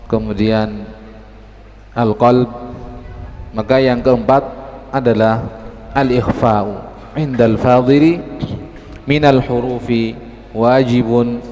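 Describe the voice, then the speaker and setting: Man explaining a religious lesson super slowly, echoey hall, a bit of hiss. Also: mid-range voice, a little mellow. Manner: very slow, breaks phrases into short pieces. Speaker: teacher translating and explaining a lesson.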